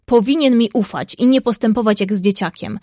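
A woman reading as a proud, indignant young gentleman. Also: mid-range voice, brisk, no room sound, studio quality, close to an everyday voice. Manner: stubborn, indignant.

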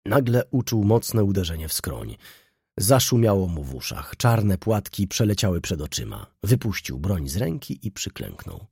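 Deep, gravelly male narrator. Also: sing-song, moderate pace, darkish tone, dry recording, studio quality. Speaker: audiobook narrator. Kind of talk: scripted narration of a classic novel.

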